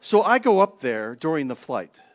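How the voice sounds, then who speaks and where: A man preaching a sermon, telling a story with animated exclamations and chuckling asides. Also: fairly high pitch, normal speed, a faint crowd. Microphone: handheld mic.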